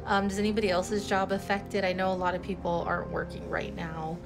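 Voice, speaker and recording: A woman's voice: lowish voice, level tone, fairly quick, creaky, music in the background. A young woman doing a chatty, rambling voiceover at home for a cleaning vlog, with lots of fillers and restarts. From San Antonio, Texas. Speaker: cleaning vlogger. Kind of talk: casual voiceover chat.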